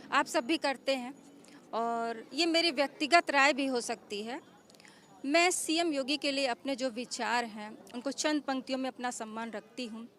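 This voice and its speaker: Woman reciting poetry, slow and declamatory, high bright voice, formal. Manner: measured, declamatory. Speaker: local resident reciting a poem. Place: outdoors in a city.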